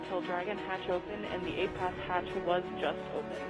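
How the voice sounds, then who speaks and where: A woman's fairly low voice comes through a radio transmission, clipped and distant. She reads out procedure numbers and status calls in a terse, businesslike flight-control style. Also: steady tone, a little fast, over loud music. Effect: radio transmission over the space-to-ground loop. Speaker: spaceflight controller.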